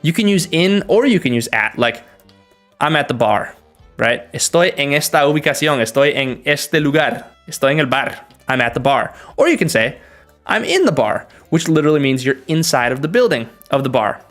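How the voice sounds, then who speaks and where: A young man from the northern United States with an American accent, hosting a relaxed livestream question-and-answer session as an English teacher, greeting viewers and explaining with examples. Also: mid-range voice, normal speed, faint music behind. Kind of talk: livestream Q&A, bilingual.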